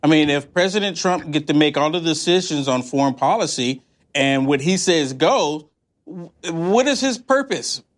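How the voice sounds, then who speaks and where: A man's voice: a little high, expressive, normal speed. A man hosting opinionated, conspiracy-minded political talk radio, incredulous and piling up rhetorical questions. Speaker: talk show host.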